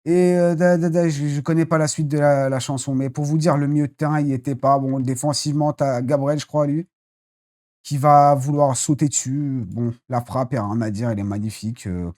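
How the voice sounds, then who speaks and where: A football channel host giving a casual, rambling live debrief after a match, blunt and quick to swear. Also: mid-range voice, steady tone, darkish tone.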